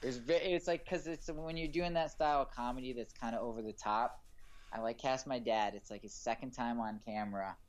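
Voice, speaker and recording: A man's voice: medium pitch, fairly quick. A man, a filmmaker, chatting casually in an interview, rambling with frequent restarts and fillers. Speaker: filmmaker guest.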